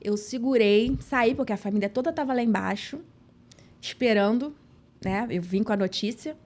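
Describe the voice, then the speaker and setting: Woman with a slightly high voice, an earnest, emotional podcast guest recounting her story. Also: moderate pace, a little mellow. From São Gonçalo, Rio de Janeiro state, Brazil. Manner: acts out dialogue, earnest and emotional. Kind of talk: personal storytelling.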